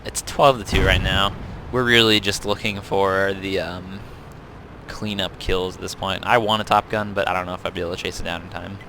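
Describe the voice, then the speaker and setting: A man's voice: sits low, steady tone, moderate pace, gravelly, slight background noise. A young man casually commenting over replays of his own tank battles, chatty and self-correcting, with frequent ums. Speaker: game reviewer. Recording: tank game sounds loud behind voice.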